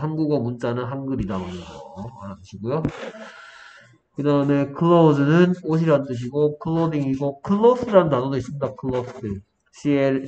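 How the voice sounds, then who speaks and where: A man teaching an English vocabulary lesson to a student in a small room, explaining step by step and quizzing with quick questions. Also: medium pitch, darkish tone. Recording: dull lo-fi room recording, faint noise.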